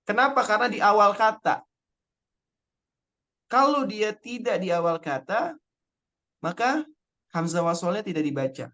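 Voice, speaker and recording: A man's voice: sits high, animated, sharp tone. A young man teaching an online Arabic spelling lesson, patiently explaining rules step by step and repeating key words. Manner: recites Quranic verses slowly in chant.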